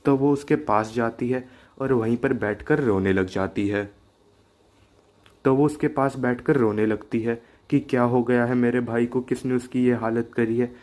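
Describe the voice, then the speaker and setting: A man's voice: medium pitch, steady tone, a little slow, a little mellow. A man narrating a cartoon ghost story in a plain, conversational way, linking lines with filler words.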